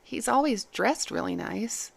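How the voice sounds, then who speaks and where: A woman's voice: a little high, expressive, measured pace, creaky, husky, full character voice. A woman reading the part of a frightened young runaway slave woman who blurts out her worries. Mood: anxious. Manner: anxious, blurting.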